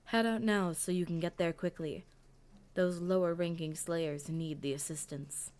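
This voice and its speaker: A woman voicing a calm, measured older male leader of demon hunters in a storybook audio drama. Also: fairly low pitch, smooth, close to an everyday voice.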